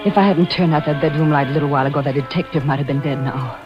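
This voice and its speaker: In a muffled vintage radio recording with music, an actress narrates and plays the lead in an old-time suspense drama as an anxious, devoted wife turned amateur sleuth. Her low voice races very fast with breathless, melodramatic urgency, tense and fearful, yet natural in sound.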